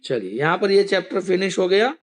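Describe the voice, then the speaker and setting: A man's voice: high-pitched, lively intonation, a little fast. A man teaching an online class, patiently explaining step by step over a video call.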